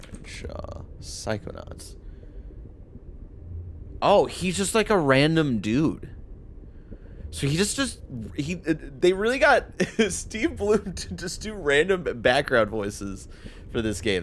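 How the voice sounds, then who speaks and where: Very animated man streaming a game. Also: mid-range voice, slight background noise. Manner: informal, slangy, reactive. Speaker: game livestreamer. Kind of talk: casual live gameplay commentary.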